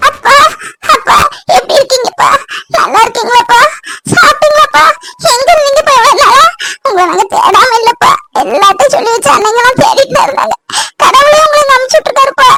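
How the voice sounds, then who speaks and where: A woman voicing a young college-going daughter in an animated family drama, chatty and teasing. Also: extremely high pitch, normal speed, very noisy. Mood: tearful. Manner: lively storytelling, teasing.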